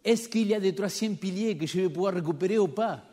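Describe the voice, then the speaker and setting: This preacher has a high, warm voice and talks fairly quickly, with a noticeable non-native French accent. He addresses his congregation in a church, using rhetorical questions to engage them, and the hall's long reverb colors the sound.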